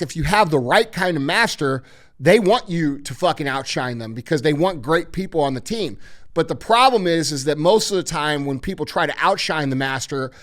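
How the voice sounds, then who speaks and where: A man's voice: fairly high pitch, fairly bright tone. A man hosting a podcast, giving blunt, emphatic motivational advice with heavy swearing. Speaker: podcast host.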